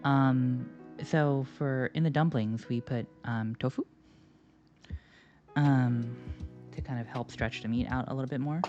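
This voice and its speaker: A woman's voice: extremely low pitch, steady tone, unhurried, warm tone. A woman chatting casually while cooking on a live stream, rambling with lots of fillers and jokes. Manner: rambling, filler-heavy, jokey. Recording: slightly dull lo-fi sound with faint music.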